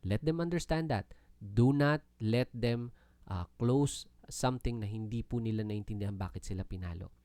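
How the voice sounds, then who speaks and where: Filipino-accented male Bible teacher, earnest and polite, lowish voice, dry close sound. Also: moderate pace, dark tone, no echo. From Philippines. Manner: earnest, polite, often uses "po" and "no?". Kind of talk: Bible teaching talk mixing Tagalog and English.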